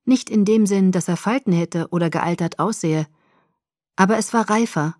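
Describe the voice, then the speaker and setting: Lady reading a novel out loud, expressive, totally dry no-room sound. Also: medium pitch, moderate pace, no echo. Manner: expressive first-person storytelling. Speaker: audiobook narrator. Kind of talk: scripted narration.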